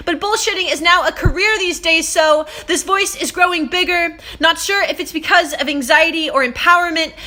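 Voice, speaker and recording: A young woman performs her own spoken word poem. Her voice sits very high and rings bright and forceful. She keeps it wry and conversational, slipping in offhand asides. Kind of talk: performance poetry.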